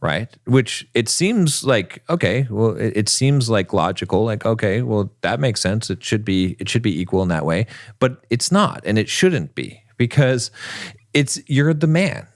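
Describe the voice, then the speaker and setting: A man's voice: on the low side, lively intonation, measured pace, no echo, studio quality. A man co-hosting a relationship podcast, talking emphatically and tagging his points with "right?". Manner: emphatic, keeps asking "right?". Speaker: podcast co-host. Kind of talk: relationship advice podcast talk.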